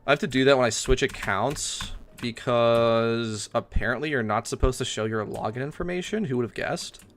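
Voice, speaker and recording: A young man livestreaming a game, chatting casually, swearing and ranting loudly at it. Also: mid-range voice, moderate pace, slight background noise. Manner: excitable, swears often, rants loudly at the game. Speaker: streamer.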